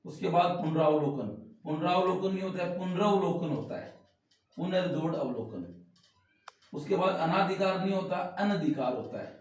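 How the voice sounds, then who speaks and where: A male teacher explains word spellings step by step, repeating each word as he writes it. His voice sits slightly high. The mic is set back from him in a room that echoes strongly. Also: normal speed, darkish tone, recorded from a distance. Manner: explains while writing on a board, repeating words. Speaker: Hindi grammar teacher. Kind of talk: spelling lesson for exam students.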